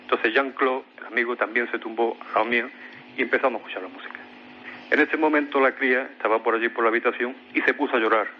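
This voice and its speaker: A man's voice: mid-range voice, fairly even intonation, fast talker, dull audio, a little hiss or hum. A man with a Spain Spanish accent, a radio guest telling of a strange experience he lived through, hesitating often and repeating his words. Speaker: guest recounting a paranormal experience. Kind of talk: personal storytelling on a radio mystery show.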